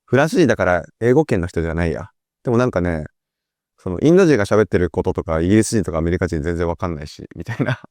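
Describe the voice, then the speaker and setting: A man's voice: low voice, expressive, racing, a little mellow, no room sound, studio quality. A man hosting a casual chat, telling rambling stories with restarts and laughter into a VR headset mic. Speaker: host.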